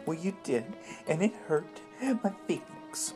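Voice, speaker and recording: A woman's voice: deep voice, sing-song, normal speed, music in the background. A woman playing a worried, easily hurt companion in a suspense audio drama. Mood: upset. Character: worried, hurt female companion of a paranoid man.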